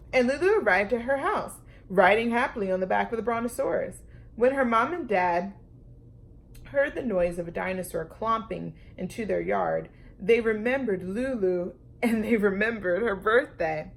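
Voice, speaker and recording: A woman reading at storytime has a noticeably creaky voice at an average pitch. She reads a children's book expressively, stressing phrases with deliberate, dramatic emphasis.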